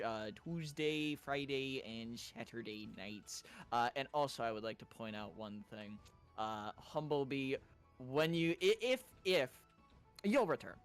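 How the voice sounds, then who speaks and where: A man's voice: mid-range voice, fairly bright tone, clean tone. A man who played in the game, talking casually, enthusiastic and rambling. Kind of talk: casual chat after a game.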